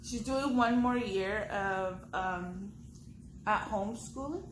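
A woman's voice: mid-range voice, slow. A young woman vlogging casually while eating, talking with her mouth full and rambling with fillers. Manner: rambling, many fillers and restarts. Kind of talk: casual mukbang chat. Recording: echoey room with faint ambient noise.

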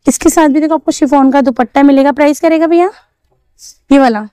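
Strolling a busy outdoor street market, a young woman films a vlog about clothes and their prices, chatting about fabrics and questioning shopkeepers. She speaks fast in a high-pitched, mellow voice, with clean studio sound and no room sound.

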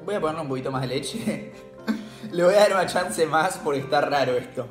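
A man's voice: a little high, a little fast, echoey room, over music. A man with an Argentine accent hosting a casual tasting vlog, chatty and slangy, laughing often. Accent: Argentine Spanish. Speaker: cooking channel host.

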